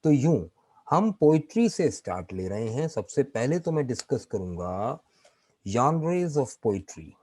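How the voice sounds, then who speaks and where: A man's voice: mid-range voice, sing-song, moderate pace, warm tone, no echo, low-quality recording. A man teaching an online literature class. He explains patiently, mixes English terms into his talk, and keeps checking in with his students.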